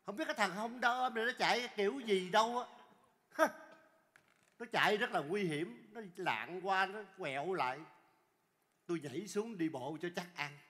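A male comedian playing a loud, cocky country man who brags about his wealth in a stage sketch. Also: high voice, moderate pace, long reverb tail. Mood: bragging. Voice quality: loud, excitable, bragging.

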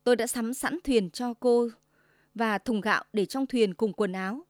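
Woman doing a bossy old mother-in-law, shrill and sharp, scolds loud and high. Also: moderate pace, no room sound, studio quality, lightly acted. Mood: harsh. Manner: shrill, commanding, sugary then scolding.

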